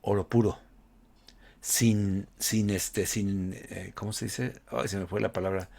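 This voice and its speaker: A man's voice: lowish voice, steady tone, slow pace, creaky, a little mellow. Man, sermon, conversational preaching, rhetorical questions. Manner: conversational, addresses listeners as "hermano", asks rhetorical questions.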